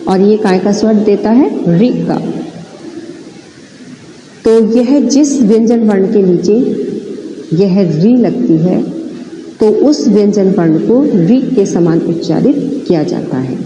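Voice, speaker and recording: A woman's voice: mid-range voice, mellow. A woman teaching Hindi spelling to children, sounding out words syllable by syllable and often checking that they follow. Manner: slow, syllable-by-syllable spelling with frequent check-ins. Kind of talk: classroom lesson, spelling words aloud. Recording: echoey room with long reverb, faint noise.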